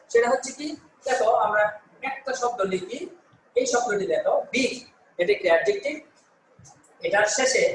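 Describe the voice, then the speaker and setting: A man's voice: very high-pitched, fairly bright tone, roomy sound, a little hiss or hum, rough recording. A male teacher from Bangladesh giving an online class, explaining step by step, answering his own questions and correcting himself with "sorry". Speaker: English teacher.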